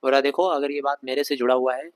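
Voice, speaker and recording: Indian man teaching Shakespeare, slow reading. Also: medium pitch, fairly even intonation, smooth, rough recording. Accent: Indian English. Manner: reads English lines slowly, explains them fast in Hindi; conversational, asks rhetorical questions of students. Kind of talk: line-by-line Shakespeare lesson explained in Hindi.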